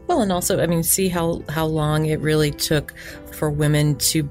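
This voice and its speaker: Low-voiced woman chatting quickly. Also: fairly even intonation, a little mellow, faint music behind. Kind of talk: casual chat.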